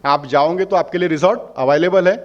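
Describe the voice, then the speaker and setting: A man's voice: fairly high pitch, brisk, highs cut off. A man representing a holiday membership company, answering customers' questions and persuading them by asking questions and answering them himself. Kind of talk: explaining a sales pitch to customers.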